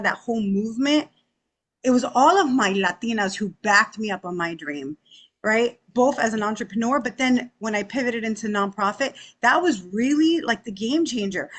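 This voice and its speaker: A woman in her forties speaking on a conference panel, energetic and emphatic, often tagging her points with "right?". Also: on the high side. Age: 40s. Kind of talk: panel discussion.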